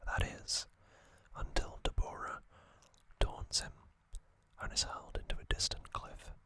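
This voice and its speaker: An ASMR channel host, a man, whispers a calm, unhurried trivia recap close to the microphone, dropping soft ums and casual asides. There's no echo.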